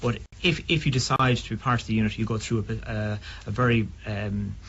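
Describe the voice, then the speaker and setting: A man's voice: on the low side, fairly even intonation, a little fast, a bit bright. A man with a west of Ireland accent gives an informal radio interview, choosing his words carefully with some hesitation. The recording is a little dull, with faint noise behind him. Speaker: sub aqua club member being interviewed.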